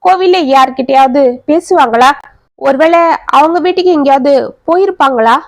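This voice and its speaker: An anxious young husband who keeps pleading for answers about his missing mother, as a woman storyteller puts him on. The voice stays high and close, recorded dry with no room sound. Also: brisk, no room sound, natural voice. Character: worried young married man, son searching for mother.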